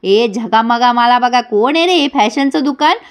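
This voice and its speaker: A woman's voice: fairly high pitch, normal speed, clean tone, close to an everyday voice. A woman voicing a hot-tempered rustic young village man with blunt retorts, close to her own voice. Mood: angry.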